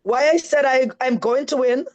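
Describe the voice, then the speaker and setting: A woman's voice: sits high, normal speed, a little mellow, low-quality recording. A woman with a Jamaican accent, a guest on a live-stream interview, telling her story in an earnest, emphatic way. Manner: earnest and emphatic, often adds "right?".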